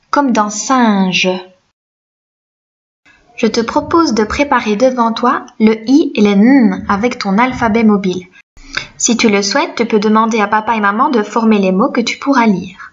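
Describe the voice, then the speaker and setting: A woman teaching a reading lesson to young children, slow, gentle and encouraging. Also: on the high side, lo-fi sound.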